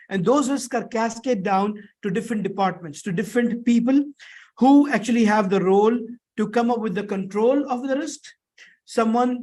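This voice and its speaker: A man whose voice sits high, with a darkish tone, lectures for an online or classroom course. His voice is thick and strained from a sore throat. He explains things in a casual, repetitive manner, often checking in with short tag questions.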